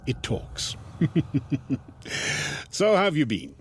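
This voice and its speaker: A man's voice: fairly high pitch, wildly swooping pitch, slow pace, background noise, full character voice. An actor playing the devil as a glib, taunting salesman in a radio drama, breezy, smug and theatrical.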